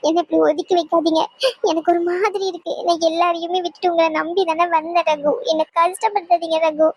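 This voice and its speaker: A woman's voice: very high voice, level tone, brisk. A woman voicing an anxious young wife in a Tamil audio drama, pleading with her husband and repeating his name.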